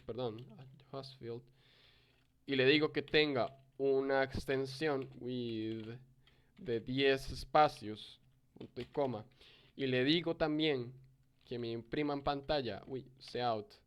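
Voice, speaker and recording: A man's voice: mid-range voice, steady tone, takes it slowly, smooth. A young man in his early twenties giving a screen-recorded programming lesson. He reads code aloud step by step and corrects himself as he goes. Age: young adult. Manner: explains step by step, reading code aloud, with fillers and self-corrections. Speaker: programming tutor.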